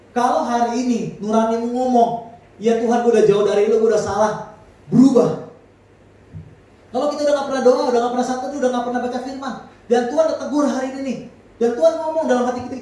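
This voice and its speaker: A male pastor delivers a sermon in loose everyday slang, swelling into fervent appeals. His voice sits high and carries from a distance through a big echoing church hall. Soft music plays underneath. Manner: colloquial Jakarta-style slang, rising to fervent exhortation. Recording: echoey hall from far off, music behind.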